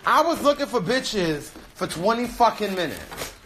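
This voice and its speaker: A man's voice: high-pitched, big pitch swings, measured pace, pushed and bright. A young man, a sassy drag queen, chatting casually and playfully bantering on a livestream. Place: indoors, backstage hallway, elevator and dressing room. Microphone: handheld or propped phone. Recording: echoey, noisy handheld phone livestream.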